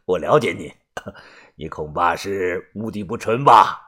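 A man voicing a gruff, ruthless old tomb-raider boss in a low, husky mutter. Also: sing-song, a little slow, fairly bright tone, full character voice. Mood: teasing.

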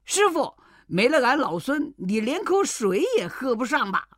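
A shrill, boastful monkey king squeals and jeers in a children's storybook, his voice leaping high and swinging wildly up and down, as a woman puts him on. The sound is close and dry. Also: very animated, measured pace, fairly bright tone, no room sound, exaggerated voice. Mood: mocking, furious. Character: brash, hot-tempered male monkey king.

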